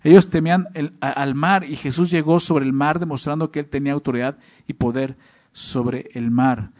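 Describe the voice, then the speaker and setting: A man's voice: on the high side, fairly even intonation, normal speed, darkish tone. A man preaching a Bible-teaching sermon in a conversational way, often checking in with his listeners through short tag questions. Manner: conversational, constantly checks in with "¿no?" and "¿verdad?". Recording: dull lo-fi recording.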